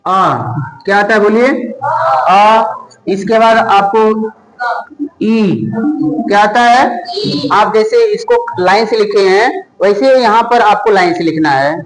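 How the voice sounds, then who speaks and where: A man teaching a class, asking a question and then giving the answer himself, spelling out each item slowly and one by one. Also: high-pitched, reverberant, poor audio. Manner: repetitive question-and-answer drilling, slow deliberate spelling out. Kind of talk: classroom lesson with call-and-response drilling.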